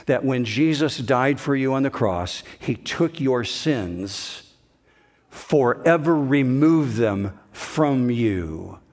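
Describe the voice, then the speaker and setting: Male pastor, mid pitch, unhurried, emphatic sermon delivery. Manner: slow, emphatic preaching with rising intensity.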